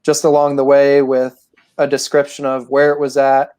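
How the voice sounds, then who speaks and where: Flat-toned young man, smooth voice. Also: medium pitch. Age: 20s. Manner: measured, explaining plans. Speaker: guest. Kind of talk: casual interview.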